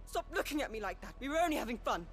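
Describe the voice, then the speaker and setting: A woman's voice: a little high, very animated, very fast. A woman voicing a spoiled, cruel little rich boy who is petulant, whiny and bossy. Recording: game audio under faint music.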